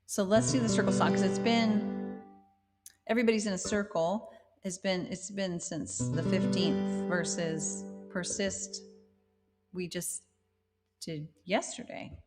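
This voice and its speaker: Slow-talking woman chatting with reverb. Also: on the low side, steady tone, over loud music. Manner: chatty, rambling, self-amused. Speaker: singer-songwriter hosting a livestream. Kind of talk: casual chat with live viewers.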